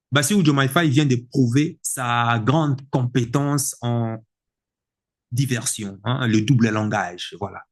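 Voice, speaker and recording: A man delivering an indignant political opinion monologue, emphatic and repetitive, with a husky voice. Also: mid-range voice. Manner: indignant, emphatic, repeats words for effect. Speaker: political commentator.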